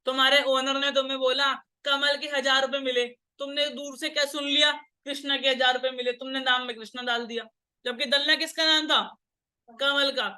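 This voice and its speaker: High bright-voiced woman teaching accounts. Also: little pitch movement, fairly quick. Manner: scolding, drills students with questions. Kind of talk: classroom lecture.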